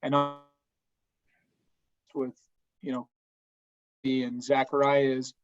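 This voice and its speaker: A man chairing a committee meeting by phone, speaking haltingly with many fillers while his cell connection breaks up. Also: medium pitch, completely flat delivery, highs cut off. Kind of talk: remarks at a public meeting. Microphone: phone on a remote call.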